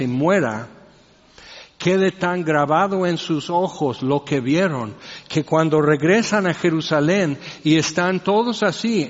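Man preaching in an echoey hall. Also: fairly high pitch. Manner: conversational, rhetorical questions and joking asides. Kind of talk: sermon. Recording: reverberant hall, dull lo-fi sound.

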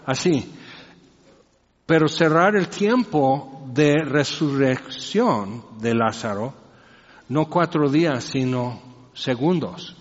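A man's voice: mid-range voice, expressive, takes it slowly. A man preaching a sermon in a conversational way, asking rhetorical questions and making joking asides. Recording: reverberant hall, dull lo-fi sound.

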